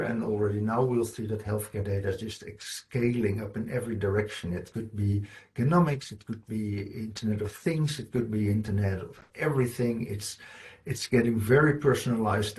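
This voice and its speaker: A man's voice: fairly low pitch, darkish tone. A middle-aged man from the Netherlands, giving an earnest, explanatory conference presentation and often restarting his phrases. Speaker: conference speaker.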